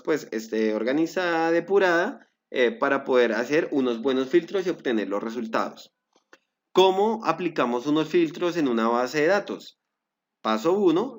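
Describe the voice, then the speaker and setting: Man giving a step-by-step software lesson. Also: a little high. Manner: step-by-step, guiding viewers with frequent fillers and self-corrections. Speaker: Excel instructor. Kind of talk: screen-recorded software tutorial.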